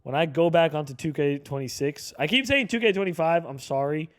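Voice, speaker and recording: Young gaming YouTuber, a man in his twenties, slightly high voice, casual play-by-play with excited outbursts. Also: fairly quick, no room sound. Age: 20s. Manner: excitable, calls plays aloud with sudden shouts. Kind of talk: casual play-by-play game commentary.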